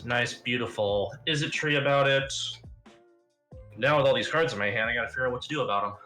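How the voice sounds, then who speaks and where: A man's voice: medium pitch, brisk, bright, forceful tone. A man chatting casually through his turn in an online card game, rambling and self-mocking. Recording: faint background music.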